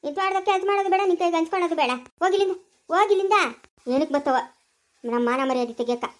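A woman playing a sharp-tongued village mother and farm owner who scolds workers and coos to her baby. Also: very high-pitched, racing. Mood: scolding.

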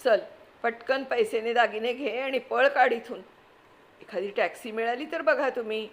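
A woman voicing a flustered older husband who talks in a hurried, fretful way, read from a storybook. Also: fairly high pitch, close to an everyday voice. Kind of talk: storybook reading.

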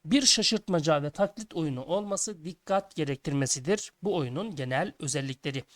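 A man's voice: on the high side, moderate pace. A man teaching a schoolbook lesson for children, reading each task aloud and then explaining it to his young listeners. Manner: addresses listeners as friends, reads tasks aloud then explains.

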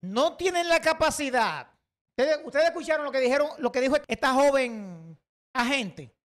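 A man's voice: very high voice, lively intonation, normal speed, a bit bright. A man with a Dominican accent giving heated, emphatic opinion commentary, often repeating himself. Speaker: online commentator.

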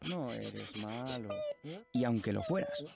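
A man playing a friar presenter on a children's TV show. He speaks in a gentle, questioning, teacherly way. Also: medium pitch, very animated, normal speed, gravelly. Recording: music underneath.

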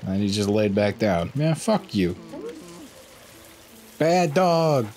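A man's voice: on the low side, animated, normal speed, mellow. A man hosting a let's play, rambling loosely and swearing a lot in sleepy, stoned gameplay commentary. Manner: rambling, loose and heavily profane.

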